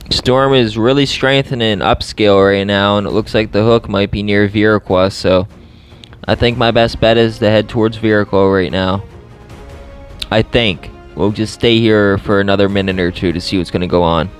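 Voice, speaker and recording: A man giving casual play-by-play vlog commentary as a storm chaser, addressing his viewers directly and repeating short phrases. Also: medium pitch. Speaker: storm chaser and video host.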